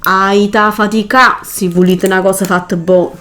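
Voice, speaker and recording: A woman's voice: medium pitch, little pitch movement, normal speed, a bit bright. A woman with a Neapolitan Italian accent giving a casual, chatty makeup tutorial in dialect, colloquial and emphatic, often repeating herself for stress. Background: music.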